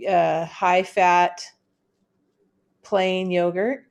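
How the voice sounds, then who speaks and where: A woman's voice: lowish voice, very slow, vocal fry. A woman co-hosting a podcast, chatting casually and agreeing often. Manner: agreeable, lots of yeahs, animated. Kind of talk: casual chat.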